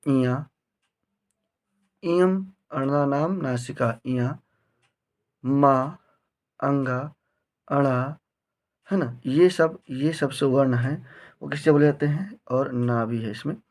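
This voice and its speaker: A male teacher working through grammar rules at a deliberate, unhurried pace. He stretches out each recited formula and keeps turning to the class with quick questions. His voice sits at an ordinary middle pitch. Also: darkish tone. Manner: slow, drawn-out recitation with frequent questions to the class.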